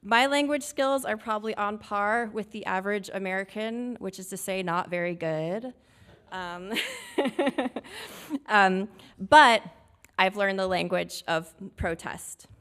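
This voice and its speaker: A woman's voice: mid-range voice, slow, clean tone. A woman preacher telling a story to a congregation of all ages, inviting them to join in. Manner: animated, calls for audience participation. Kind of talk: interactive children's sermon storytelling. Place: church sanctuary.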